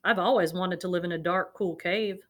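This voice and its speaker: A woman's voice: lowish voice, steady tone, moderate pace, fairly bright tone, natural voice. A woman voicing a small, cheerful male toy bear from a storybook, wide-eyed and wistful. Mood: contented wonder.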